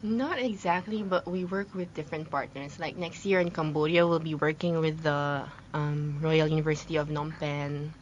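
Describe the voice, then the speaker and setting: A young woman from the Philippines, a guest on a radio talk show, explaining her volunteer program in a friendly, measured way. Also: low voice, steady tone, slight background noise. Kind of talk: radio studio interview. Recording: slightly dull lo-fi studio audio.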